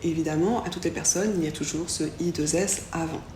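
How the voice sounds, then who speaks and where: A woman teaching a French lesson, saying each example slowly and pronouncing it clearly. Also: low-pitched, fairly even intonation, mellow. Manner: slow, clearly articulated model pronunciations. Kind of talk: language lesson. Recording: echoey room with faint background hiss.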